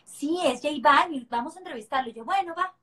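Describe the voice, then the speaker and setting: A woman's voice: sits high, lively intonation, a bit bright, low-quality recording. A Mexican woman in her thirties hosting a live stream, chatting playfully and laughing often. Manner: playful, teasing, quick to laugh. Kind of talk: casual chat on a live video call.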